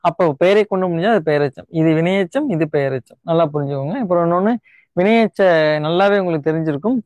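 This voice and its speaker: A man's voice: high voice, darkish tone, dry recording. A young man with a Tamil Nadu Tamil accent, teaching grammar for a government exam, explaining step by step and often asking "right?" to check in with his students. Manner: repeats key words slowly to stress them. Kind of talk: online exam-prep lesson.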